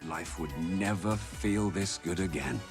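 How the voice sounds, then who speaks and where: A man's voice: low-pitched, a little slow, soft background music. An actor playing a brash middle-aged man, reminiscing about his youth. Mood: wistful. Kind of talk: film narration and dialogue.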